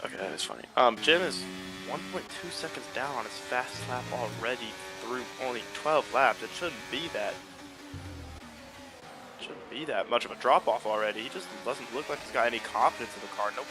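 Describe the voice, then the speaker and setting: A man giving conversational motorsport commentary and analysis on an online race, with a gravelly edge to his voice. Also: mid-range voice, animated, brisk, music in the background. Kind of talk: conversational analysis in live sim racing commentary. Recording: clearly noisy background.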